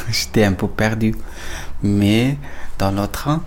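Halting man with a low voice. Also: slight background noise. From Afghanistan. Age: 30s. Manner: halting, searching for words in French. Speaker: interviewee recounting his migration. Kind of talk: documentary testimony.

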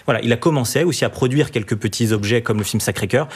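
A male panelist on a radio debate show, talking very fast. He piles up points in dense runs and often restarts his sentences. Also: mid-range voice, slightly rough. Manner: rapid, dense argument with frequent restarts.

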